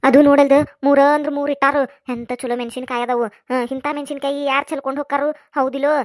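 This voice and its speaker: A woman voicing an excitable gossiping village woman with a North Karnataka Kannada accent, in a cartoon. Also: sits high, quick pace, dry recording, clean studio sound, close to an everyday voice.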